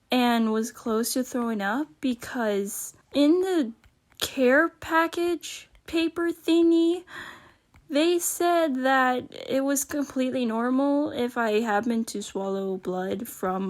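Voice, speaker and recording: A woman with a slightly high voice tells a personal story at a slow pace. Her delivery is casual and rambling, with informal, slangy wording. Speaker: storyteller recounting a personal experience.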